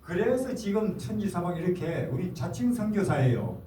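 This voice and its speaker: A man's voice: sits high, big pitch swings, normal speed, warm tone. An older man, a missionary, giving an earnest sermon in a hall and often answering his own questions. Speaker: missionary preacher. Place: forum hall. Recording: roomy hall, mic at a distance, faint noise.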